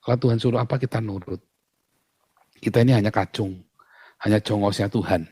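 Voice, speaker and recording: A man's voice: lowish voice, steady tone, fairly quick, warm tone, husky, no room sound. Emphatic man pastor, dry close sound. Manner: emphatic, full of rhetorical questions. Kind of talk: outspoken casual talk.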